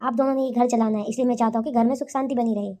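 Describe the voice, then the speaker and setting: A woman voicing a calm cartoon husband. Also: fairly high pitch, rapid-fire, natural voice. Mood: placating. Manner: reasoning, placating. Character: young husband, calm peacemaker. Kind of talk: cartoon voice acting.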